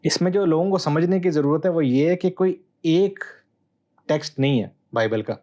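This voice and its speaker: A man, a Bible scholar guest, explaining texts in a measured, teacherly way with hesitant pauses. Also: fairly high pitch, mellow, lo-fi sound. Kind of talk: explanatory interview answer.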